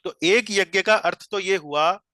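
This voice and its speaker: Guy teaching a scripture class on a video call, bright voice, pretty dry sound, goes over stuff twice. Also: high voice, unhurried, no room sound. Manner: explanatory, repeats phrases, directs the reader. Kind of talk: explaining scripture in an online class.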